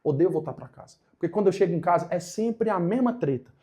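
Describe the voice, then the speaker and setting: An earnest, troubled teenage class clown, as a Brazilian preacher quotes him, pleading his case. The voice rises higher than the speaker's usual one but stays soft and mellow. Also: lively intonation, fast.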